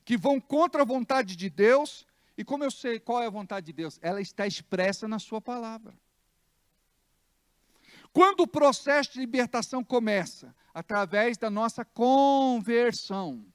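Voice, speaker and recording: A man's voice: very high-pitched, lively intonation, moderate pace, clean tone, dry recording, clean studio sound. A Brazilian man preaching as pastor in a church, emphatic and acting out stories. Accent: Brazilian Portuguese. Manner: emphatic preaching with dramatized anecdotes. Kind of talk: sermon.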